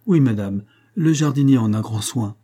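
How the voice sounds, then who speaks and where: A man's voice: mid-range voice, lively intonation, moderate pace, dark tone, lightly acted. A man voicing a shy, respectful young man who speaks hesitantly in a storybook reading. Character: timid, devoted young man.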